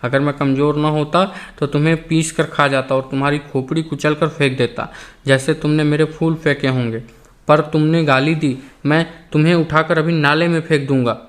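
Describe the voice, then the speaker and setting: A man's voice: fairly high pitch, fairly even intonation, moderate pace, natural voice. A man voicing a frail, sickly old Englishman who whines tearfully and pants for breath, in an audiobook. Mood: whining.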